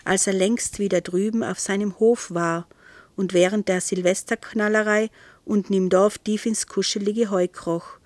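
Woman, storyteller, audiobook reading, expressive, playful, dry close sound. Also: mid-range voice, no room sound.

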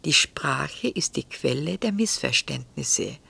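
A wise, lonely fox speaks in a whispered role-play, voiced by a woman. The whisper is soft and gently pleading, slow, husky and very gravelly. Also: sits low, expressive, full character voice. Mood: gentle musing.

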